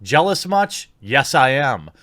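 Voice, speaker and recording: A man's voice: medium pitch, very animated, slow pace, sharp tone, no echo. A man giving casual, opinionated online commentary in a critical, sarcastic manner, recorded on a close mic. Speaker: YouTube commentator.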